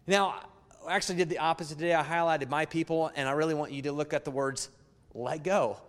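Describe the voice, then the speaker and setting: In a church sanctuary with a long reverb tail, a pastor with a fairly high, steady voice preaches fast to his congregation. His sermon is emphatic and conversational, repeating key phrases and turning to the crowd with asides.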